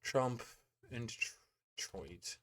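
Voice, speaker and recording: A male-sounding streamer reacts to videos in a casual way. The mid-pitched voice swings widely in intonation, with an exasperated, informal and sweary manner. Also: animated, extremely slow, fairly bright tone. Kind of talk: casual live-stream commentary.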